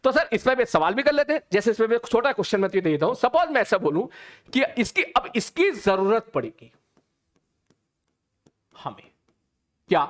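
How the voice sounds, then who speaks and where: A man's voice: sits high, a bit bright. A man teaching a live online physics class, chatty and teasing, talking to his students informally.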